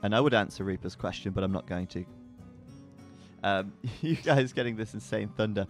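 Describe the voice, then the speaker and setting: A man casting an esports match live, chatty and quick to laugh. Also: fairly low pitch. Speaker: esports caster. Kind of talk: live game commentary. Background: faint background music.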